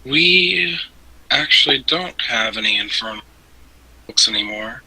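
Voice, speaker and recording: A man voicing a polite young woman who clerks in a shop, hesitant and slipping into soft whispers. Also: medium pitch, animated, a little slow, breathy edge, no echo, full character voice, poor audio. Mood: helpful.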